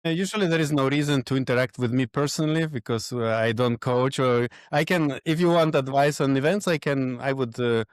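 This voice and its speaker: A man, a podcast guest who talks in halting phrases and searches for his words. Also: mid-range voice, clear, resonant tone, dry recording, studio quality. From Lithuania. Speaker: guest, event organizer. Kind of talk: podcast interview.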